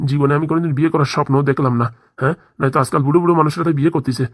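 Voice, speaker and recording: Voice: mid-range voice, fairly even intonation, very fast, dry recording, lightly acted. A voice actor doing a grumbling, rustic old grandfather. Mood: self-pitying. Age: older. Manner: stammering, rustic village speech. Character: rustic village grandfather, grumbling and self-pitying. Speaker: cartoon voice actor. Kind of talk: cartoon comedy dub. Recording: dry close studio voice.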